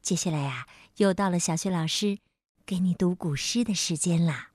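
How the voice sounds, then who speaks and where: A woman's voice: fairly low pitch, moderate pace, a little mellow, dry recording. A woman telling a story to a child, addressing the listener tenderly and reading expressively, recorded on a close mic.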